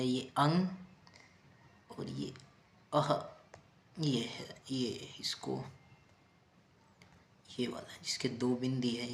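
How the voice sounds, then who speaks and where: Man, teacher, unhurried grammar lesson, repeats and quizzes, reverberant room. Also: mid-range voice, a bit bright. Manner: patient, repeats key terms and asks rhetorical questions. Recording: roomy echo.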